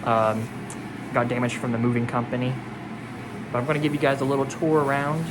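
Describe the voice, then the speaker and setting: Loud ventilation noise fills this handheld indoor recording. A man speaks at an average pitch, muffled by a protective mask. He addresses viewers informally as he gives a casual tour of the job. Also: flat delivery, fairly quick. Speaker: vlogger showing a mold remediation job. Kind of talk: casual walkthrough vlog narration. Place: indoors at a house under mold cleanup. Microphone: handheld camera, later on selfie stick. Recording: very noisy handheld recording, loud machinery hum. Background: loud air scrubber and ventilation noise.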